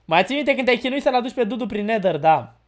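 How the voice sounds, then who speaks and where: A woman streaming a game live, chatting loudly and casually, teasing and laughing often. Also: on the high side, expressive. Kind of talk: casual live gameplay chat.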